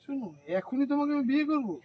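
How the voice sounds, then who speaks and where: A man's voice: very high voice, rapid-fire. A man playing a sheepish young husband who pleads and keeps repeating himself, in a comedy skit. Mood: wheedling. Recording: dull lo-fi sound, faint hiss.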